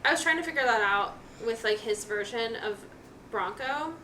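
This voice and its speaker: A woman's voice: on the high side, expressive, normal speed, bright, forceful tone. A woman co-hosting a podcast in casual chat, retelling anecdotes with quoted voices. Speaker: podcast co-host. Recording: echoey room, faint noise.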